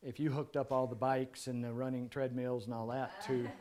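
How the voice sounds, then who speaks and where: A man presenting a seminar, answering audience questions in a relaxed, joking, rambling way, his voice going hoarse. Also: medium pitch, normal speed, crowd noise. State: losing his voice. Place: seminar room.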